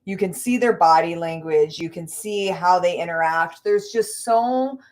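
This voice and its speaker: Young adult woman, livestream host, animated, loose and talkative. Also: lowish voice, unhurried. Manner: animated, laughs often, lots of fillers. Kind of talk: casual chat with a friend.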